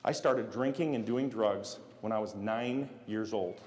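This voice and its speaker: A man's voice: fairly low pitch, unhurried, a little mellow, a little hiss or hum. A middle-aged man from Las Vegas giving a motivational speech as a keynote speaker, acting out scenes with sound effects as he tells stories. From United States (Las Vegas). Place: large hall. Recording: echoey hall with long reverb.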